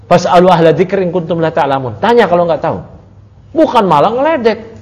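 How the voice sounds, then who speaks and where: A man teaching an Islamic study class, talking casually with his listeners and swinging from low asides to raised, emphatic points. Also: expressive, a little fast. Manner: conversational, asks the audience, swings from low to raised emphatic tones. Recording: muffled audio recording.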